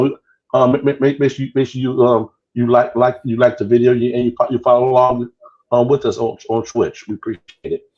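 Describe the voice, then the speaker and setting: A man's voice: mid-range voice, darkish tone. Stammering male podcast host, muffled sound. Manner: stammering, repeats words often. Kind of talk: casual podcast chat. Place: on a cruise ship.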